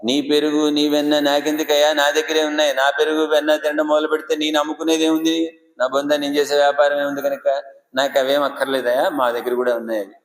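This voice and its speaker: A shrewd old curd seller haggles in a teasing, bargaining tone, as a man voices him in a sermon. The voice is fairly high for a man. It rings out in a reverberant hall. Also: flat delivery, fast, close to an everyday voice. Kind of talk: storytelling within a sermon.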